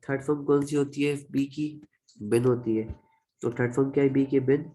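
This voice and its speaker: A man's voice: medium pitch, fairly even intonation, moderate pace, warm tone, low-quality recording. A man with a Pakistani accent teaching a grammar lecture, explaining step by step and repeating each example. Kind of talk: classroom-style grammar lecture.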